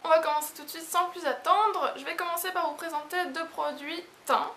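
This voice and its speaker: A woman's voice: very high-pitched, fairly quick, pushed and bright. A woman casually reviewing makeup products in a chatty, rambling, hesitant way. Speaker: beauty vlogger. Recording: echoey room with hiss.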